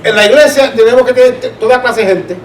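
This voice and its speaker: Talking fast in a very high-pitched voice, a Caribbean Spanish-accented man leads a casual Bible class in a church room. He shares anecdotes and keeps asking whether everyone is following, while the distant mic picks up room echo and background noise.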